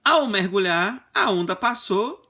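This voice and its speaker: A man teaching a physics class in a classroom, explaining with playful, animated stories. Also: high-pitched, measured pace. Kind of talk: lively classroom lesson with comic anecdotes. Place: classroom with a whiteboard.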